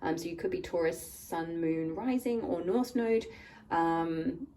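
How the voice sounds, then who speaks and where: A woman giving a casual pick-a-card tarot reading. Her voice is slightly croaky from a recent illness, and she talks in a rambling, reassuring way with lots of "like" and "I feel like". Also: on the low side, unhurried, mellow, recorded from a distance, low-quality recording.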